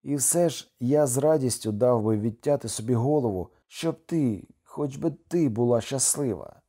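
A man reading an audiobook, voicing a doomed young husband, tender and gloomy, with a slow, mournful delivery. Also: medium pitch, lively intonation, dark tone, slightly rough. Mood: grieving.

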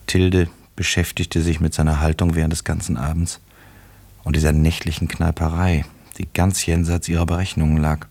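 A man with an extremely low, husky, slightly mellow voice narrates a literary radio play. He tells the fully scripted story in a measured, dry and flat way.

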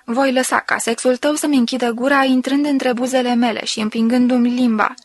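Woman reader doing a soft intimate lady reading a love letter slowly, dry close sound. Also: a little high, flat delivery, dry recording, lightly acted. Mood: intimate, tender.

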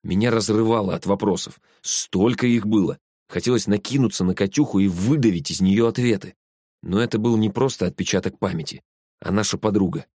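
A man with a low voice narrates a story in the first person. His reading is even and measured. The sound is dry and close. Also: dry recording. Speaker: audiobook reader.

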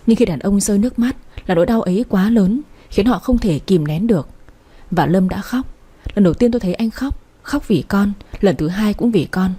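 A woman narrating a romance story as an audiobook, keeping one steady voice for every character. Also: medium pitch, a little fast, breathy edge.

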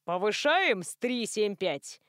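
A woman reading an audiobook, voicing a formal male auctioneer who calls out bids slowly and loudly. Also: medium pitch, very animated, no echo, studio quality. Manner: slow, loud, announcing calls. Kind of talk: audiobook character voice.

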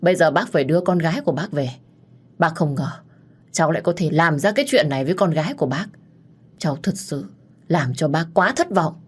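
A woman voicing a hot-tempered middle-aged father, stern and gruff, in a low voice. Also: lively intonation, a little fast. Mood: disappointed.

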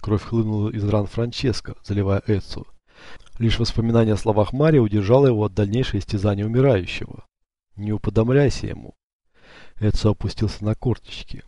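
A man narrating an audiobook in a steady, measured way. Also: on the low side, no echo. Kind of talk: scripted narration.

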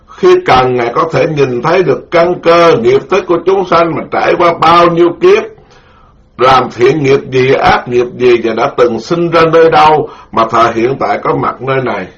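A middle-aged man, a Buddhist monk giving a dharma lecture, speaking slowly and repeating key terms for his listeners. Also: on the high side, a bit bright. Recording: dull lo-fi recording.

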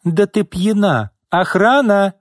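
A man's voice: mid-range voice, animated, normal speed, darkish tone, no room sound, voice pushed up, close to an everyday voice. A haughty, domineering businesswoman in an audiobook, put on by a male narrator in a raised voice. Her tone is cold and imperious, and it climbs into piercing, shrieking rage. The recording is close and dry. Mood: screaming. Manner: cold and haughty, turning to screaming fury. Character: shrill domineering businesswoman, middle-aged.

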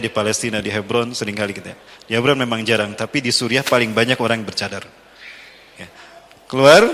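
A man telling a story in a sermon in a lively way, acting out the characters. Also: mid-range voice. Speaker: preacher. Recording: echoey hall.

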